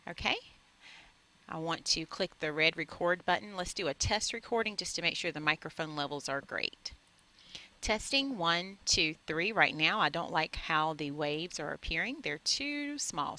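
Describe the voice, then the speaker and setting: A woman teacher giving a screen-recorded tutorial, explaining each step clearly into a headset microphone. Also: fairly low pitch, bright, forceful tone, poor audio. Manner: clear, step-by-step instructional delivery. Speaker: teacher demonstrating software. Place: at a computer, indoors. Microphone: USB headset microphone.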